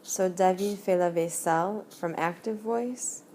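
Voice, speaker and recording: A woman teacher explaining grammar in a screencast lesson, slow and deliberate as she writes out examples. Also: fairly low pitch, a little mellow, slight background noise. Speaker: French teacher.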